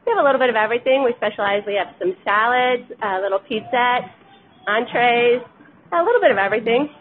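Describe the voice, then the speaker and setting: A woman's voice: a little high, fast talker. A woman bartender answering interview questions in a restaurant bar, brief and matter-of-fact. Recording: tinny phone-like sound, faint hiss.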